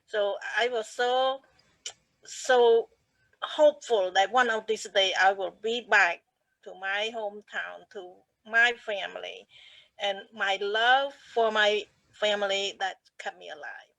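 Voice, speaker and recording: A woman's voice: medium pitch, slow, vocal fry, fairly bright tone, no room sound, poor audio. A woman tells her personal story as a guest speaker, earnest and often restarting her phrases. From Cambodia.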